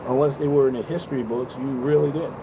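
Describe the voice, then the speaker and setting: A man in his fifties talks outdoors, rambling and earnest as he hands out life advice, circling back over the same points and swearing along the way. His pitch sits in a normal middle range. Steady traffic and air-conditioner hum run clearly behind him. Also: fast talker. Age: 50s. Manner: earnest, rambling, profane, repeats himself. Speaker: vlogger. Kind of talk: casual advice monologue. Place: balcony, outdoors.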